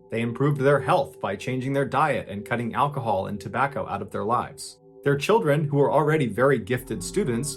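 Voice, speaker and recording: A man hosting a podcast, telling a dark true story in suspenseful dramatic narration, getting louder at tense moments and dropping low at grim ones.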